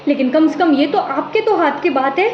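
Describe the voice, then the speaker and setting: A woman's voice: sits high, lively intonation, moderate pace, noisy background. A woman playing a young daughter-in-law who protests firmly and earnestly against being taunted, in an echoey room with slightly dull sound. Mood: indignant. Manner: firm, pleading protest.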